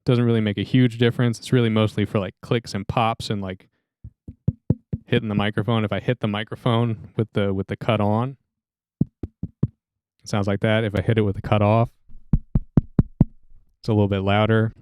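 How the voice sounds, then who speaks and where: A man with a deep voice, casually demonstrating how to use a sound mixer as a music instructor, talking through a studio microphone. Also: brisk, long pauses, clean tone, no room sound. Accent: American. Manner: relaxed, friendly, hands-on explaining.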